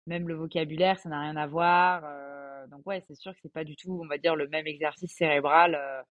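A woman's voice: deep voice, steady tone, normal speed, dull audio. A woman in her twenties, a podcast guest, talking casually and hesitantly with lots of fillers. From France. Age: 20s. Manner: hesitant, many fillers, chatty. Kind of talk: casual conversation.

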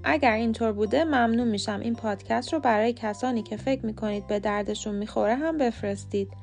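A woman with a fairly high voice hosts a scripted podcast lesson on English pronunciation. Her first language is Persian, and she slows right down to spell words out letter by letter. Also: gravelly, a little mellow, soft background music.

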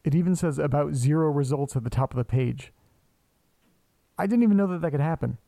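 Here the actor's restless, foul-mouthed character mutters, puzzled, to himself and his pets, deadpan and casual, in a naturalistic horror audio drama. The voice is a little high and brisk with vocal fry, recorded without echo.

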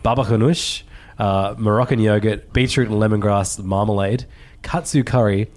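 A man's voice: lowish voice, fairly even intonation, normal speed, darkish tone. A man with an Australian accent hosting a food podcast in a casual, wry, joking chat. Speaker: podcast host.

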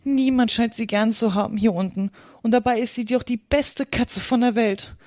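A woman's voice: fairly high pitch, normal speed, darkish tone, no room sound, clean studio sound, close to an everyday voice. Alice, an eager curious girl, read by a woman. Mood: earnest. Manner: eager and polite. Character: curious, earnest young girl.

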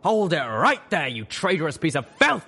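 A man's voice: a little high, very animated, normal speed, husky, pitched above the performer's own voice, exaggerated voice. A man voicing an older male pony drill sergeant who barks furious insults. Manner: shouting, barking insults.

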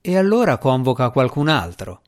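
A man's voice: mid-range voice, very animated, normal speed, natural voice. A man voicing a sarcastic, boastful male djinni spirit in the shape of a boy, reading an audiobook with mocking, theatrical sarcasm. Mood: sardonic.

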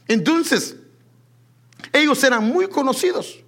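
A man preaching a sermon in an animated way, often calling his listeners beloved brother. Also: very high-pitched, slow. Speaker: pastor.

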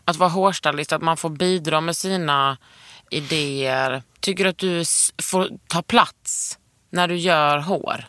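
A woman hosting a podcast interview, chatting casually with quick encouraging interjections. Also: deep voice, bright, forceful tone, no room sound, studio quality. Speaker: podcast host.

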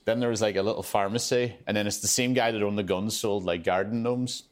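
A man's voice: on the low side, fairly even intonation, brisk. A man with a Donegal accent from the north-west of Ireland, chatting casually as a guest comedian and telling rambling, jokey anecdotes. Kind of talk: casual podcast chat.

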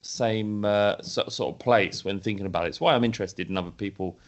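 A man's voice: lowish voice, brisk, dull audio. A man interviewing someone in an informal, conversational and slightly hesitant way.

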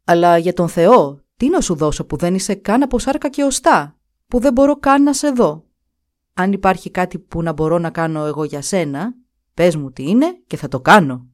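A woman's voice: low-pitched, natural voice. A woman voicing a duke in a storybook reading, pleading and emotional. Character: grieving bewildered nobleman duke, middle-aged.

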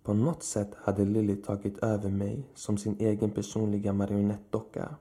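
A man telling a scripted horror story in the first person, in a slow, measured way. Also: fairly low pitch, monotone, mellow. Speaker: narrator.

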